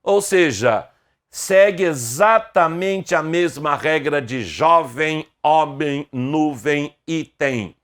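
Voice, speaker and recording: A middle-aged Brazilian man teaching an online grammar lesson, slow and deliberate, asking his viewers question after question. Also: a little high, a bit bright.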